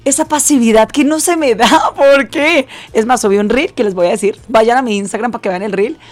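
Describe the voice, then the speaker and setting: A woman's voice: fairly high pitch, a little fast. Intense, chatty woman radio host. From not from Mexico. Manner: talkative, intense, excitable. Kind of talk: lively radio chat with callers. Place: radio studio.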